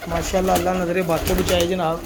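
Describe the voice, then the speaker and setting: A man's voice: sits high, completely flat delivery, fast talker, noisy background. A man hosts a chatty walkthrough of his pigeon loft, showing off his birds and blessing them often, with pigeons cooing behind him. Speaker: pigeon keeper and channel host.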